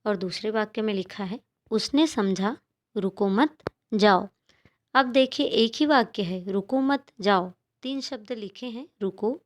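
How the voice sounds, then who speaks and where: Patient woman teaching children grammar. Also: medium pitch. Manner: slow, patient, explaining step by step.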